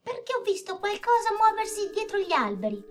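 A woman voicing a gentle, caring young girl in a children's audio story. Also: extremely high pitch, sing-song, brisk, background noise. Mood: worried.

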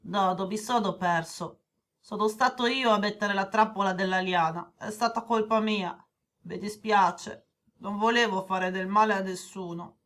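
A woman's voice: mid-range voice, fairly even intonation, measured pace, a bit bright, natural voice. A woman voicing a shy young boy who stammers out apologies in a children's audio story. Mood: apologetic.

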